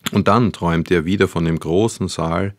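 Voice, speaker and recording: A man narrating a literary audiobook in a measured, even manner. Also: sits low, dry recording, studio quality.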